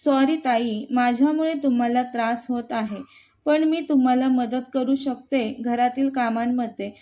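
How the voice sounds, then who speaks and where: A woman's voice: fairly high pitch, fairly even intonation, unhurried, dark tone, dull audio, lightly acted. A woman voicing a shy, apologetic young woman. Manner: meek, apologetic.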